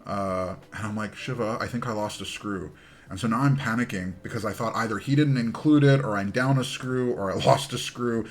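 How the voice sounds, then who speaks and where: A man's voice: medium pitch, brisk, few pauses. A man in his thirties chatting casually while streaming a keyboard build, telling rambling stories that trail off and restart. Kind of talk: casual live-stream chat.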